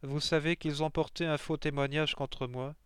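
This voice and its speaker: A young woman condemned to die pleads her innocence to God, voiced in a storybook reading by a man. The delivery is earnest and pleading. The voice is smooth and resonant, recorded close and dry. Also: on the high side, flat delivery, moderate pace, no echo, natural voice.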